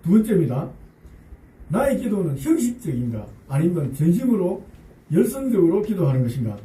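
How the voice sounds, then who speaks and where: A man delivers a sermon in a high, animated voice with a very dark, mellow tone. He talks to the congregation conversationally, firing off rhetorical questions and light jokes. The recording carries the echo of a church sanctuary, with his voice picked up from a distance. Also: a little fast. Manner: humorous asides. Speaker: pastor.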